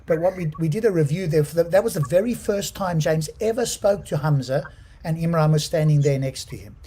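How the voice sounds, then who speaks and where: A co-host man with a husky voice in a debate, measured and insistent, laying out his reasoning. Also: fairly high pitch, mellow. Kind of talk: debate discussion.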